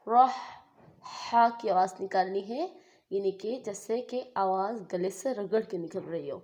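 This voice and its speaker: A woman teaches Quran recitation step by step. She chants phrases slowly and stretches them out, then explains each rule by asking and answering her own questions. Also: medium pitch, a little mellow. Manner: slow, drawn-out recitation between patient explanations. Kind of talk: step-by-step tajweed lesson.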